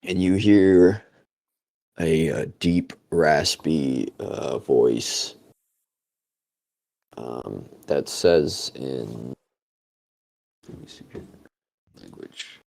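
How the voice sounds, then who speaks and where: Dungeon master, male, low and slow, gravelly, fills his narration with ums. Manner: relaxed, halting narration with many fillers. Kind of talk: narrating a tabletop game.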